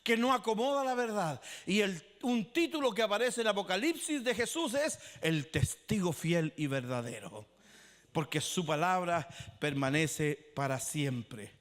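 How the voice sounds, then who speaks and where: Pastor guy preaching, bright sharp voice, gets loud and dramatic, long church reverb. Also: sits high, expressive, measured pace. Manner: dramatic retelling with acted quotes, rising to shouts. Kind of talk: sermon.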